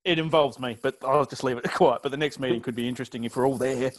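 A man's voice: medium pitch, quick pace. A man with an Australian accent bantering in a casual, joking group chat, swearing freely.

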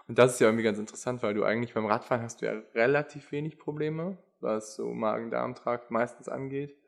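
A man's voice: medium pitch, fast, gravelly. A young man explaining physiology in casual chat, hesitant and full of fillers. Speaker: podcast co-host, endurance athlete.

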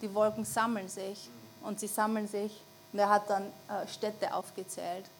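A woman pastor with an Austrian German accent delivers a conversational sermon, frequently seeking the audience's agreement and slowing down to stress key phrases. Her voice is medium-pitched with a level tone, and faint mains hum runs under the recording.

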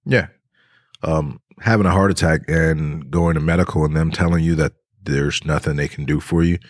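A man's voice: very deep voice, fairly even intonation, normal speed, no room sound, clean studio sound. A man co-hosting a podcast, telling a story in laid-back casual chat with lots of fillers and laughter. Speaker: podcast co-host.

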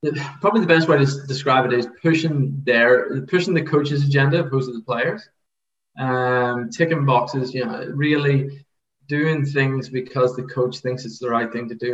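A man's voice: mid-range voice, steady tone, normal speed. A middle-aged man with an Irish accent, explaining things casually as an interview guest. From Ireland. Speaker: podcast guest, rugby coaching researcher. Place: converted garage office. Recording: dull, roomy remote recording.

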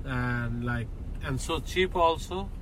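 A man's voice: medium pitch, takes it slowly, a crowd in the background, poor audio. A man from Bangladesh with a Bangladeshi accent, chatting in friendly, simple broken English while driving. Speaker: driver. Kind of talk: casual chat. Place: car. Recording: car with road noise.

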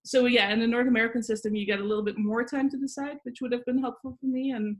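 A woman's voice: fairly high pitch, fairly even intonation, fast talker. Dutch-accented woman, thoughtful guest. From Netherlands. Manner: thoughtful, many fillers and restarts. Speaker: guest, psychology professor. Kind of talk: interview answers.

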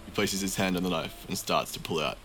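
A man narrating a tabletop fantasy game as game master, in slow, measured, vivid storytelling. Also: low voice, a bit bright, breathy edge, faint music behind.

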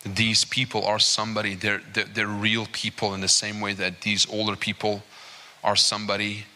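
A man preaching a sermon at a church service, emphatic and repeating "right?" and "okay?", his voice climbing higher and more animated as he builds. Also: moderate pace. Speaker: guest preacher.

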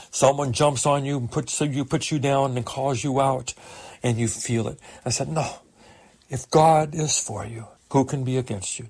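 Older man, pastor, gravelly voice, earnest sermon, emphatic peaks. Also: medium pitch.

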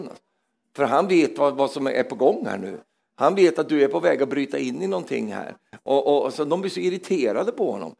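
A man preaching a charismatic sermon in a church, swinging between loud exclamations and hushed asides, often repeating words as he goes. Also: fairly high pitch, vocal fry.

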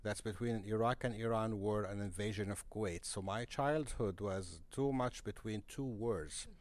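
A man from Egypt, a guest in a podcast interview, speaking earnestly and restarting his phrases often. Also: fairly low pitch. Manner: earnest, halting with frequent restarts. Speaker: guest, missionary broadcaster. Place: conference center.

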